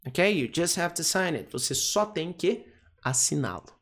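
Brazilian-accented language teacher, mid pitch, gravelly fry, patient repeat-and-check delivery. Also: big pitch swings, a little slow, fairly bright tone. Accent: Brazilian Portuguese. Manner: patient, repeats words and checks in with frequent 'tá?' and 'ok?'. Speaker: English teacher. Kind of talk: English lesson explained in Portuguese.

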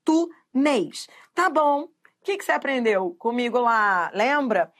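A middle-aged Brazilian woman teaching grammar for exams, quizzing listeners with repeated questions and drawing out key terms slowly. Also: a little high, lively intonation, a bit bright. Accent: Brazilian Portuguese. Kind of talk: exam-prep grammar lesson.

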